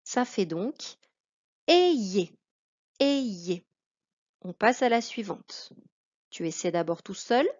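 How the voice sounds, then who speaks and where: A woman's voice: medium pitch, measured pace, dull audio. A woman teaching a reading lesson to children, patiently spelling out syllables one by one.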